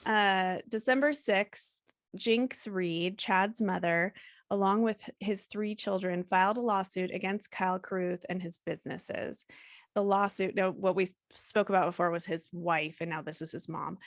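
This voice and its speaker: A woman's voice: mid-range voice, steady tone, normal speed, no echo. A woman co-hosting a true-crime podcast, reading court statements aloud and adding dry, sarcastic asides. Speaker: podcast co-host.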